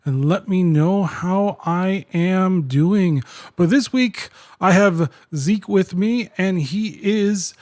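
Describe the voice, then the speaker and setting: Higher-voiced male podcast host. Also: takes it slowly, a little mellow, no room sound, studio quality. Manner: scripted-sounding intro, plain questions. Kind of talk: podcast interview hosting.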